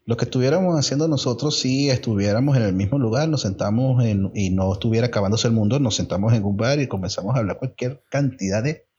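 A Venezuelan man co-hosting a podcast, playful and animated in casual chat. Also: mid-range voice, quick pace, hardly any pauses, slightly rough, highs cut off. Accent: Venezuelan Spanish. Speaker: podcast co-host.

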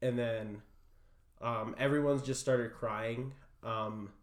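A young man being interviewed, telling a personal story in a halting way full of fillers. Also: medium pitch, steady tone. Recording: roomy echo.

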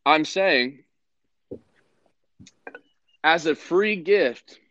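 A man's voice: on the high side, animated, very slow, fairly bright tone, dull audio. A man preaching on a live broadcast, earnest and conversational as he quotes scripture.

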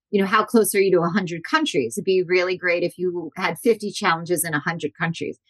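A woman in her forties, a guest in an interview, telling lively anecdotes and acting out the people she quotes. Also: medium pitch. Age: 40s. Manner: animated, acts out quotes with shifting voices. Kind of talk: storytelling interview.

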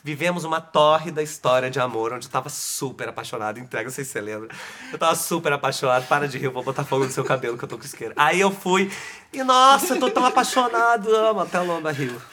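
Bright, animated storytelling man. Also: medium pitch, rapid-fire, slight background noise. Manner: animated, dramatic, laughing often. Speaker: guest, actor and author. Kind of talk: casual storytelling.

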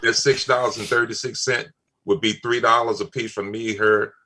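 A man's voice: lowish voice, steady tone, normal speed, heavy background noise. An older man, talking in a casual family chat, emphatic and repeating his key phrases. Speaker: father on a family talk show.

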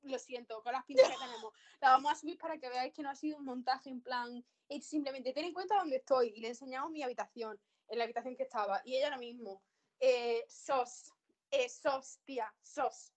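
A woman's voice: high voice, brisk. A young woman co-hosting a casual podcast from her bedroom, giggly and slangy with sudden dramatic outbursts. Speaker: podcast co-host. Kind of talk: casual chat. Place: her own bedroom, remote.

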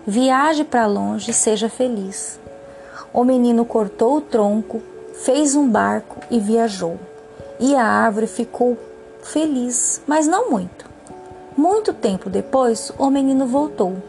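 A woman reads a children's story aloud, calm and measured. Her voice is fairly high, with a gravelly edge. Faint music plays behind her.

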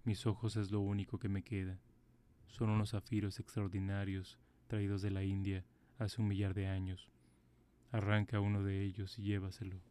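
A man voicing a gentle, sorrowful statue prince in a calm, even storybook reading. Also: low-pitched, moderate pace, lightly acted. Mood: tender.

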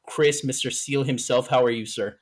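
A man's voice: mid-range voice, steady tone, moderate pace. A man hosting a podcast in casual, profane, hyped-up banter. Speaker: podcast host.

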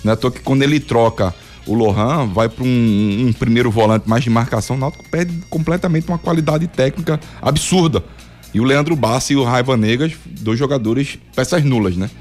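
A man's voice: mid-range voice, brisk, faint music behind. A man from Pernambuco, a former player, commentating on football in casual, argumentative talk. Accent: Pernambuco Portuguese. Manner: animated, protesting, arguing his point.

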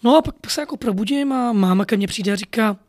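A man's voice: high voice, dry recording, studio quality. A man telling a personal story in an earnest, rambling way, full of fillers. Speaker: podcast storyteller.

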